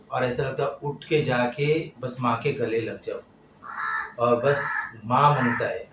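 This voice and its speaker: A middle-aged man tells a personal story in a halting, heartfelt way, his voice swelling and dropping. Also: medium pitch. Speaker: vlogger. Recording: echoey, distant, noisy room.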